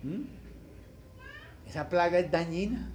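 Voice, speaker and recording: High-voiced man preaching emphatically. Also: slow, slight background noise. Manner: emphatic preaching with sudden loud bursts and quiet asides; repetitive, addresses listeners directly as brother. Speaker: pastor. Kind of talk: sermon.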